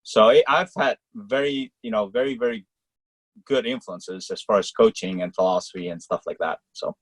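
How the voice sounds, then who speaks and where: A Malaysian man who coaches college tennis answers interview questions casually over a video call, full of fillers. His voice sits on the low side and sounds husky, and the recording is dry with poor audio quality. He talks in quick, rambling clauses packed with fillers.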